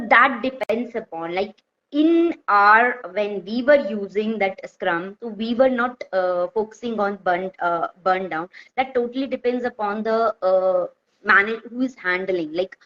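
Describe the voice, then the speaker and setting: A woman with a North Indian accent explaining informally with examples, in halting, repetitive phrases that she often corrects as she goes. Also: mid-range voice, a bit bright. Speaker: software testing expert, guest speaker. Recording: dull, lo-fi audio.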